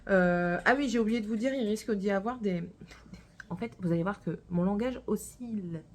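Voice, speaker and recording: A woman's voice: medium pitch, normal speed, darkish tone, a little hiss or hum. A woman with a northern French accent tinged by Gironde, chatting casually to camera about her knitting, rambling with many hesitations. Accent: northern French with a touch of Gironde. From northern France. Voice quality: rambling, full of hesitations and self-corrections. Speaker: knitting podcaster.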